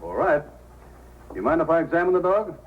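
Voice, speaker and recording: An actor playing a steady, authoritative but friendly male Mountie sergeant in an old-time radio drama. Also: fairly high pitch, brisk, slight background noise. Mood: steady, concerned. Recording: dull old radio recording with music.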